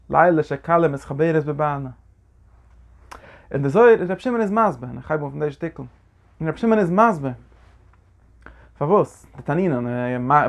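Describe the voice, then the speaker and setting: A man teaching a religious lecture in an animated way, often restarting his sentences and breaking into emphatic bursts. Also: mid-range voice, gravelly. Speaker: Torah teacher.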